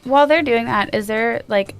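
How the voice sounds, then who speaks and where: A woman's voice: fairly high pitch, normal speed. A woman playing a tabletop role-playing game in casual chat, with music underneath.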